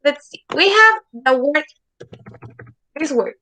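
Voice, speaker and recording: In a rough recording, a woman with a high, bright, forceful voice gives an animated, slow-paced English lesson online. She is patient and repetitive, repeating words and often asking "okay?"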